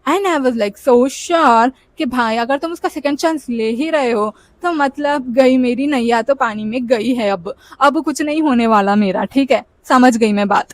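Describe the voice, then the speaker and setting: Young female vlogger, high-pitched, lively code-switching storyteller. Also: measured pace, few pauses, dry recording. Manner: animated, mixing Hindi and English, acting out dialogue. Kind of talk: casual storytime monologue.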